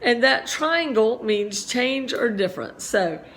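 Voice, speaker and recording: A woman's voice: a little high, animated, takes it slowly, fairly bright tone. A middle-aged woman teacher explaining a physics lesson step by step, chatty and full of asides, with a slight cough.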